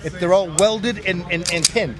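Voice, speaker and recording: A man explaining the parts of his pistol in a halting, detailed way. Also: sits high, steady tone, a crowd in the background. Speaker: gun owner showing his pistol. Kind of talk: technical explanation.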